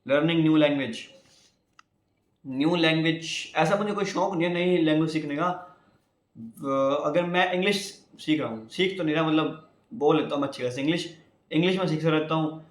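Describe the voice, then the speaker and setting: A young man from India chats on about himself in a loose, rambling way, often turning to his viewers. His voice sits a little high for a man. The room around him rings with echo. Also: normal speed. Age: young adult. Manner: chatty, rambling, addresses viewers as guys. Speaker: YouTuber. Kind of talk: casual vlog talk.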